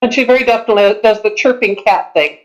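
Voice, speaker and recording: A woman acting as game master, improvising descriptive narration for a tabletop game in a halting way. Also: a little high, low-quality recording.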